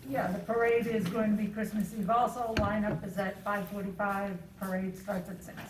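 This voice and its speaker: A woman's voice: medium pitch, little pitch movement, normal speed. A woman chairing an informal club meeting through a face mask, speaking in an easily flustered, apologetic way. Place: meeting room with people murmuring behind. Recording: echoey room, distant mic, loud crowd noise.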